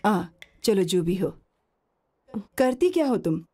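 A woman's voice: mid-range voice, very animated, slow pace, dark tone, husky, heavily acted. A woman dubbing a nosy sister who mocks and scolds. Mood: mocking. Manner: mocking and scolding. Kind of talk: film dubbing.

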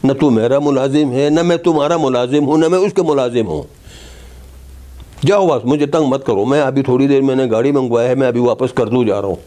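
A man voicing a proud, stubborn elected official who insistently refuses, in a slightly lowered voice. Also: brisk, warm tone, natural voice. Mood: defiant.

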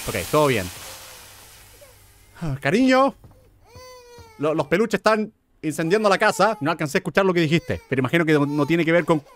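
A young man hosting a gaming video, joking and talking back to a horror game as he plays. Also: fairly high pitch. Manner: excitable, jokey, talks to the game. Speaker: gamer host.

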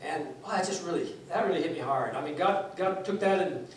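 A brisk, animated man with a fairly high voice, in his sixties and raised in Taiwan, is a guest pastor telling stories in a sermon. He talks conversationally, full of fillers and restarts, gesturing as he goes. The distant mic picks up an echoey church sanctuary and slight background noise.

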